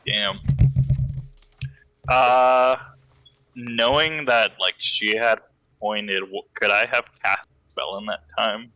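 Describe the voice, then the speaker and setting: A man's voice: fairly low pitch, steady tone, takes it slowly, long pauses, sharp tone, no room sound, lo-fi sound. A man chatting casually as a player in a tabletop role-playing game.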